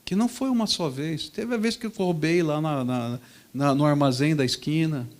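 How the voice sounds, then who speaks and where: A man preaching in a church, telling a story vividly and swinging between loud and soft. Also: fairly high pitch, normal speed. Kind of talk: storytelling sermon.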